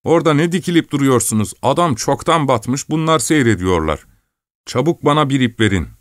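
A man voicing a flustered middle-aged male buffet keeper who shouts urgent, scolding orders in a storybook reading. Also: mid-range voice, expressive, fairly quick, no room sound, studio quality, pitched above the performer's own voice, lightly acted. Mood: exasperated.

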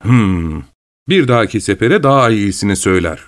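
A man voicing a jovial old father who speaks slowly in a warm, fatherly way. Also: on the low side, expressive, lightly acted. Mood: puzzled. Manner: slow, fatherly, puzzled.

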